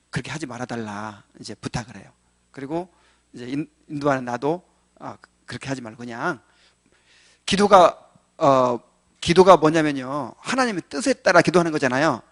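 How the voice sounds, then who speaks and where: Korean pastor, rhetorical questions, loud-quiet swings. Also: male voice, a little high. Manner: conversational, asks the congregation rhetorical questions; many fillers and restarts, swings from loud to quiet. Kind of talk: catechism lecture sermon.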